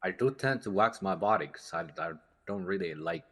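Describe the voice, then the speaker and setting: Low-voiced man in casual gaming chat. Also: lively intonation, brisk, fairly bright tone, slightly rough.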